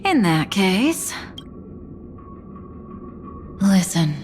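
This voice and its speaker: A woman voicing an enigmatic, composed seer in a video game, speaking solemnly and softly, with some words breathed out in a whisper. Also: medium pitch, sing-song, extremely slow, a little hiss or hum. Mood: calm, mysterious. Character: enigmatic, composed female seer giving gentle guidance. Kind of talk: scripted game character acting.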